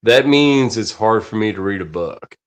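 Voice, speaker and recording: A man's voice: fairly low pitch, lively intonation, moderate pace. A man in his late forties chatting casually on a podcast, rambling, swearing often and restarting his sentences. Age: 40s. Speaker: podcast host. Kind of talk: casual chat.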